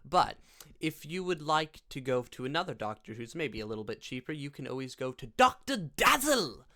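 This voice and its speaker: A man's voice: mid-range voice, brisk, a bit bright. A man hosting a casual reaction vlog, talking in a goofy, rambling way. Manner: goofy and rambling, laughs often. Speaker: YouTuber.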